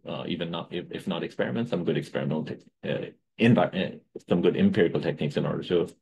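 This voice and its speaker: This low-pitched man, a middle-aged economics researcher from Bangladesh, delivers an academic webinar talk over video call. His casual lecturing is full of "right?" checks and self-corrections, with a little hiss or hum in the recording.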